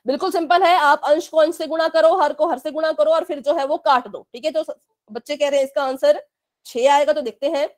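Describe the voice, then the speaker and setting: A woman's voice: high-pitched, steady tone, a little fast, a little mellow. A woman teaching fractions in a live online class for children, explaining patiently, repeating checks, and giving firm warnings about chat behavior.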